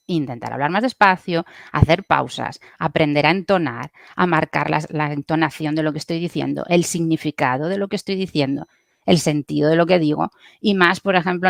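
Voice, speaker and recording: Gravelly-voiced woman explaining the voice. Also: fairly low pitch, no room sound, studio quality. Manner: patient, explains with vocal demonstrations. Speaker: speech therapist guest. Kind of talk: explanatory podcast talk.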